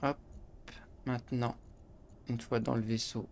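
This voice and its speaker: A man's voice: medium pitch, flat delivery, unhurried, vocal fry, a little mellow, a little hiss or hum. A man hosting a gaming channel, explaining a space game step by step with frequent restarts and little interjections. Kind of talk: game tutorial commentary.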